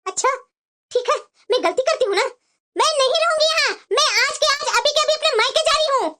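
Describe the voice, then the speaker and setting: A woman's voice: extremely high pitch, lively intonation, fairly quick, background noise. A woman voicing a stubborn, quarrelsome young daughter-in-law in a cartoon. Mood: angry. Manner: defiant, quarrelsome, talks back. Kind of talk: Hindi cartoon voice acting.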